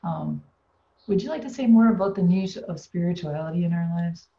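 A woman hosting a webinar interview over a video call, friendly and gently guiding the talk. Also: lowish voice, a little fast, vocal fry, a little hiss or hum. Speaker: webinar host. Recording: muffled video call audio.

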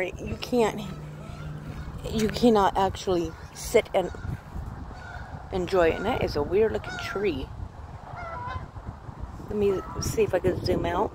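Woman, phone-filmed walk in a park, rambling chatty delivery, slow pace, faint outdoor noise behind. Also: mid-range voice. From California. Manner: chatty, rambling, coos at animals. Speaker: vlogger. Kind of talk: casual walking vlog. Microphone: phone held while filming.

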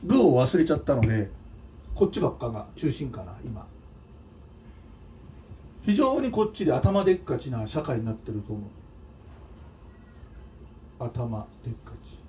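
A man's voice: mid-range voice, big pitch swings, moderate pace, long pauses, mellow, recorded from a distance, a little hiss or hum. A man from Nagano, Japan, hosting his own channel, giving a blunt, scolding opinion monologue with mocking asides. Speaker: channel host and drummer.

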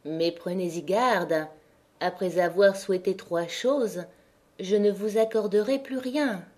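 A woman voicing a graceful fairy who speaks slowly in a measured, warning tone. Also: mid-range voice, mellow. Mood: solemn. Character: graceful female fairy, solemn and mysterious.

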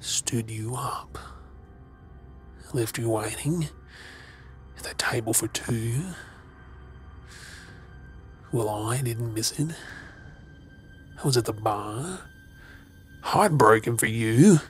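A man playing a creepy, obsessive captor in an ASMR role-play, menacingly tender, with hesitant pauses and mocking softness. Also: medium pitch, soft background music, lightly acted. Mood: possessive, yearning.

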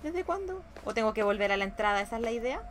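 A woman's voice: mid-range voice, level tone, racing, background noise. A young woman giving casual gameplay commentary, sassy and talking back to the game. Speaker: gameplay streamer.

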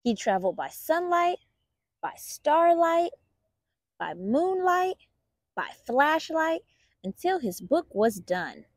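Reading a children's picture book as a storytime host, this woman uses a high voice and an expressive, unhurried storyteller's delivery. The audio is clean studio sound without echo.

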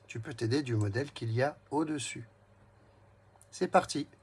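Speaking gently straight to a young child, this man teaches early reading by saying each word twice and sounding it out syllable by syllable. His voice is medium-pitched and husky, at a moderate pace, and the lesson is slow and clearly broken down.

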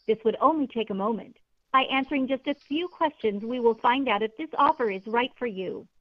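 A woman's prerecorded automated phone menu message, polite and even, reading scripted prompts. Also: fairly high pitch, brisk, dry recording. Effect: recorded automated phone menu message. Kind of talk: scripted recorded announcement. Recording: tinny phone line.

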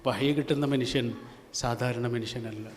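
A man preaching an Islamic sermon, asking rhetorical questions, chanting verses slowly, and swinging from loud to hushed. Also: mid-range voice, fairly even intonation, a little hiss or hum. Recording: long hall reverb.

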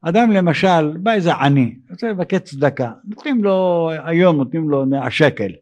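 An older man gives a rabbi's sermon in a fairly high voice. He speaks haltingly with frequent pauses. He rises into animated, raised tones when he acts out dialogue. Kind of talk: evening sermon.

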